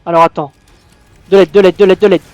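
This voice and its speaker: A man giving live gameplay commentary as a gaming YouTuber, raging and swearing with loud exclamations. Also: sits high, fairly even intonation, quick pace, smooth, highs cut off.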